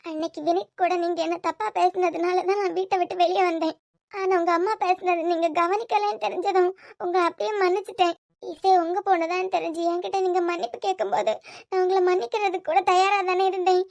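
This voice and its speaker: A woman's voice: very high-pitched, fairly even intonation, a little fast, dry recording, studio quality. A woman voicing a tearful young wife. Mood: distraught. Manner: crying, pleading, reproachful. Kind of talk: cartoon web series voice acting.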